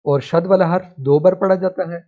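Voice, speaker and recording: A man's voice: high-pitched, steady tone. A man teaching a Quran reading lesson, spelling out syllables one by one and then blending them. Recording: muffled, lo-fi recording.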